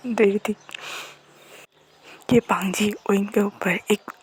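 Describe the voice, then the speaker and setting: A woman narrating a story casually in a soft, breathy, half-whispered manner. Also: mid-range voice, fairly even intonation, takes it slowly, rough recording. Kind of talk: casual fan-fiction narration.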